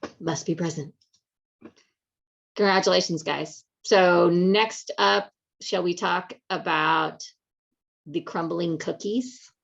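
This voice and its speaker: A woman's voice: lowish voice, fairly even intonation, slow pace, gravelly, long pauses, highs cut off. A woman hosting a live online community event, chatty and upbeat, with plenty of fillers. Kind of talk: casual live webinar hosting.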